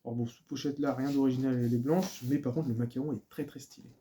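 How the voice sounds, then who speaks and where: A man's voice: medium pitch, steady tone, quick pace, dark tone. A man chatting casually in a video about his purchases, talking with many fillers and restarts. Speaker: vlogger presenting records and books. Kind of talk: casual chat.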